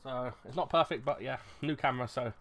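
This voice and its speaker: Brisk and fairly bright, a man of medium pitch with an ordinary voice talks in his own unscripted vlog. Reviewing ration packs for YouTube, he rambles in a self-deprecating way, thinking aloud and restarting many times.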